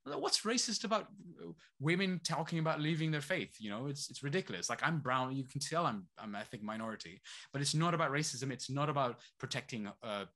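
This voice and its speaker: This activist, raised between Saudi Arabia and East London, is a guest in a conversational interview, speaking animatedly and throwing out rhetorical questions. His medium-pitched voice is slightly bright, with lively intonation and a fast pace.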